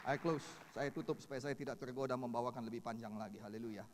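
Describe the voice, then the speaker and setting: A man preaching a sermon as pastor in a large church, shouting at climaxes and joking with the congregation. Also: mid-range voice, fast talker, background noise. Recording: live church hall reverb with music.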